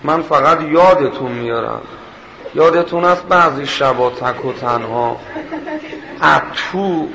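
A man preaching a sermon as a story, animated and often laughing as he tells it. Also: a little high, vocal fry. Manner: animated, laughing through the telling. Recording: echoey hall, dull sound, background noise.

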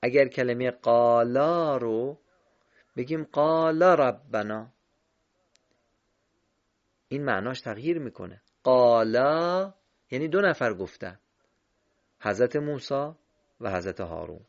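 A man teaching Quran recitation in a slow, deliberate lesson, drawing out vowels in his examples. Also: medium pitch, expressive, muffled recording. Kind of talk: instructional lesson.

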